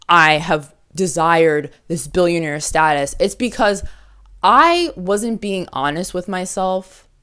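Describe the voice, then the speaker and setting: A young adult woman talking to camera in a casual, reflective monologue, earnest and motivational, with slow pauses on heavy points. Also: mid-range voice. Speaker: vlogger.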